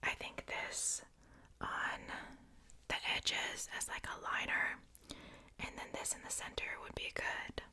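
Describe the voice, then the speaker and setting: A woman doing an ASMR whispered role-play as a makeup artist, speaking softly and intimately to the listener in an unvoiced, breathy whisper. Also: takes it slowly.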